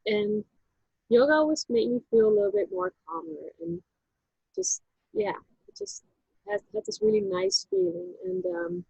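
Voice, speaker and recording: High, gravelly woman. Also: dark tone, dry recording, dull audio. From Netherlands. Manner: halting and reflective, with frequent restarts. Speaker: interview guest. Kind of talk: personal story in a casual interview.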